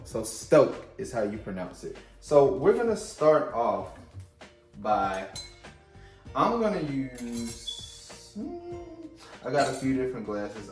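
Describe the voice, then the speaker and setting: A man's voice: medium pitch, darkish tone, echoey room. A man hosting a casual at-home drink-making video, with a playful, chatty manner, talking straight to his viewers. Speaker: vlog host.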